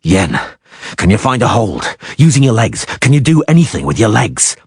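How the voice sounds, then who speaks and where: A man's voice: fairly low pitch, very animated, moderate pace, husky, no echo, clean studio sound, heavily acted. A man voicing a weary monster hunter in an audiobook, giving terse, grunting commands. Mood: strained.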